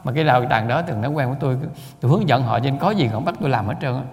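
Fast, gravelly Southern Vietnamese man. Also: mid-range voice, animated, a little mellow, big-room sound. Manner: rambling, repeats words, chuckles often. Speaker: Buddhist lay teacher. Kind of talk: storytelling Buddhist talk.

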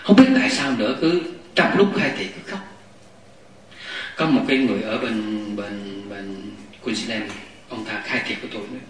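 A man giving a Buddhist dharma talk to a gathering, animated, often laughing and acting out what people say. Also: on the low side, normal speed, a little hiss or hum. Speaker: Buddhist lay teacher. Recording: echoey hall, mic far off.

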